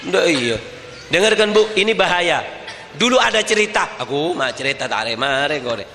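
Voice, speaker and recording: Man, Madurese accent, lively sermon, high voice, echoey hall. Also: normal speed, background noise. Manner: emphatic, asks the crowd rhetorical questions. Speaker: preacher. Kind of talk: lively sermon to a women's gathering.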